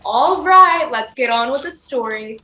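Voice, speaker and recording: A theatrical storyteller, played by a woman, narrates a comic stage show in a high, bright voice. The pace is unhurried and the room echoes. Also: lively intonation, slight background noise, heavily acted. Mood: wry. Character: brisk, theatrical storyteller narrator of fairy tales. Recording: roomy stage sound.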